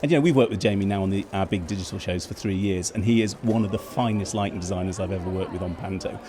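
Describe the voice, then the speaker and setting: Speaking low, fast and warm, a theatre company's chief executive gives fluent, explanatory answers as a guest in a backstage interview. A slight hiss or hum sits under his voice, and a busy event's crowd murmurs in the background.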